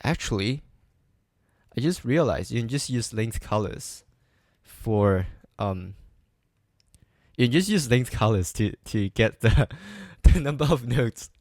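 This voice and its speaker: A man's voice: mid-range voice, expressive, slow, long pauses, a little mellow, dry recording, studio quality. A man live coding and thinking aloud, hesitant and full of ums and restarts, making light fun of his own mistakes. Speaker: coding streamer.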